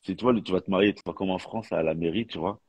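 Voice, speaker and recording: Man, deep husky voice, dry sound, chatty storyteller. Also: fast talker, darkish tone, no room sound. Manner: storytelling, repetitive restarts. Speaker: live stream participant. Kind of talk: casual chat.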